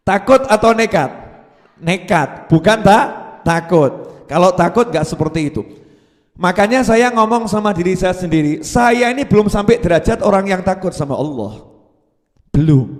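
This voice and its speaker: High-voiced man preaching in a reverberant hall. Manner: lively, playful, acts out voices. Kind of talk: sermon with audience questions.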